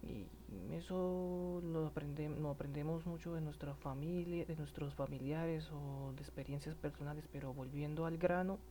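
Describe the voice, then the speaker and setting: A man's voice: a little high, steady tone, mellow. A Colombian man with a regional accent talks through a personal monologue, stumbling and restarting as he goes. His tone is earnest and indignant. A faint hum sits under the recording. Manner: halting, stammering, many restarts. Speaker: citizen speaking about protests.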